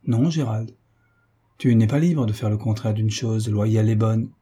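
A man voicing a steady, loyal young friend in a read-aloud novel, firm and reassuring. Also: fairly low pitch, moderate pace, breathy edge.

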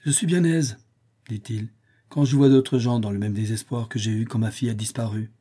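A man's voice: mid-range voice, fairly even intonation, a little fast, warm tone, breathy edge, natural voice. A man voicing a fearful, sly old male moneylender in a storybook reading, plaintive and whining. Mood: gloating.

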